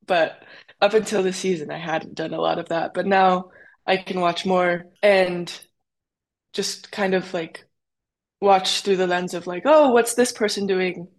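A woman's voice: fairly low pitch, fairly even intonation, a little slow. A young adult woman, a cyclocross racer, answering interview questions in a chatty way with lots of fillers. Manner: chatty, with many fillers and quoted asides.

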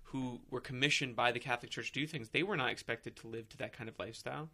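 A man's voice: medium pitch, fast talker, sharp tone. A man in casual chat who talks bluntly, swears freely and makes sarcastic jokes.

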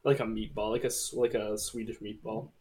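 A man's voice: fairly low pitch, little pitch movement, a little fast, darkish tone, breathy edge. Young man, podcast co-host, casual chat, joking, swearing, laughs a lot.

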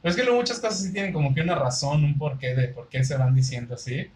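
A man's voice: a little high, quick pace, darkish tone, slight background noise, low-quality recording. A Mexican man co-hosting a podcast, curiously explaining where words come from in casual chat. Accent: Mexican Spanish. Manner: curious, explanatory, thinks aloud. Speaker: podcast co-host.

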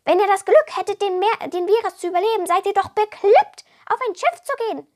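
A short-tempered little male water goblin, put on by a woman reading a storybook, squeaky and very high-pitched. He curses, grumbles and brags about himself with indignant gusto. The pitch swoops up and down a lot as he complains. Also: expressive, brisk, a little mellow. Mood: grumbling. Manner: indignant, cursing, bragging. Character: small grumpy boastful male water goblin.

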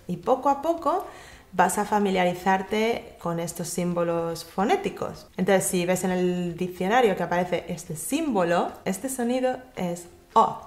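A woman gives casual pronunciation advice, speaking lively and directly to the viewer. Her voice sits at a middling pitch. The room adds a noticeable echo. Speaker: English pronunciation teacher and YouTube host. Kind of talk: casual tutorial talk to camera.

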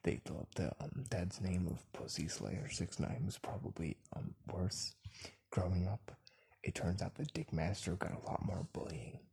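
Low-voiced man riffing crude absurd comedy. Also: normal speed, vocal fry, dark tone, a little hiss or hum. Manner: profane, absurd rambling storytelling, often breaks into laughter. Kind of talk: improvised crude comedy banter.

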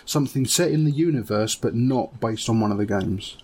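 A man chatting casually about video games on a podcast, animated and repeating his points as he argues them. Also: mid-range voice, a little fast, slight background noise. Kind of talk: casual gaming chat.

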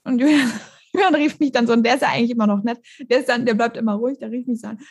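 A woman with a husky, rather high voice tells a story in a relaxed conversation. She talks casually and animatedly and laughs easily between her sentences. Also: very fast. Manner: animated storytelling, laughs often, mimics others. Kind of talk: casual chat.

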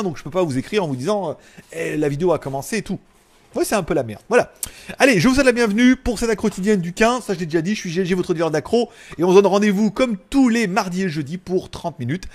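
A man hosting a live tech show, chatting casually with viewers in a rambling, excitable way. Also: high voice. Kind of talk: casual live-stream chat.

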